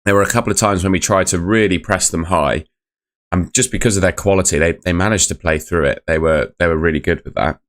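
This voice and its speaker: Deep-voiced and fast, this young fan channel host runs a casual live football review. Last night's shouting has left him croaky, and he rambles in a friendly way while reading chat messages out loud.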